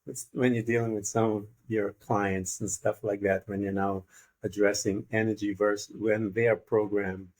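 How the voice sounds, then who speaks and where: A man's voice: fairly low pitch, little pitch movement, moderate pace, darkish tone. A man from Guyana hosting an interview, talking in a thoughtful, meandering way with many fillers. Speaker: interview host. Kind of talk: casual interview conversation.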